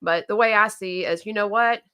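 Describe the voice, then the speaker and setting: A woman's voice: mid-range voice, moderate pace, bright, forceful tone, clean tone. A woman with a Southern accent, co-hosting a casual livestream and chatting about viewer comments with plenty of fillers and restarts. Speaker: co-host of a knife company livestream.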